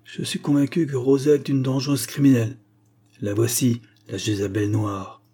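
A man's voice: medium pitch, level tone, moderate pace, dark tone, slightly rough, pitched above the performer's own voice, close to an everyday voice. A man voicing a sour, self-righteous elderly spinster who hectors and accuses. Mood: accusing.

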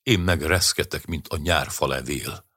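A man voicing a soft-hearted car thief who is driving, in a storybook reading. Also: rumbling low, no echo, studio quality, full character voice. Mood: shaken, sighing.

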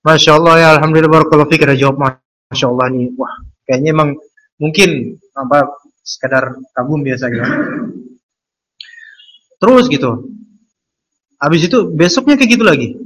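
A man's voice: a little high, moderate pace, pauses often, fairly bright tone, rough recording. A man with an Indonesian accent, an Islamic preacher, telling an anecdote in a casual, chatty way during a religious lecture, sprinkled with Arabic religious phrases.

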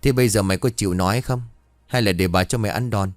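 A man voicing the sharp-tongued, jealous wife of a village chief who scolds servants and her husband. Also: fairly low pitch, fast talker, no room sound, natural voice. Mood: angry.

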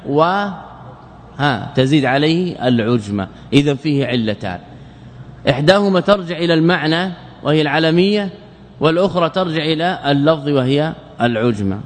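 A man who is a scholar teaching Arabic grammar, reciting verse lines slowly and then asking rhetorical questions and answering them himself. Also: fairly high pitch, big-room sound. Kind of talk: lecture.

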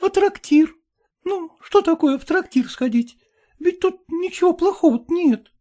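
A man reading aloud, voicing a coy, lively young factory girl in a raised voice. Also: extremely high pitch, unhurried, pitched above the performer's own voice. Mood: pleading.

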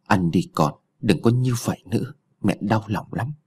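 A man voicing a worn-out old peasant mother who curses and scolds rapidly, in a husky low voice. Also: animated, a little mellow. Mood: tender.

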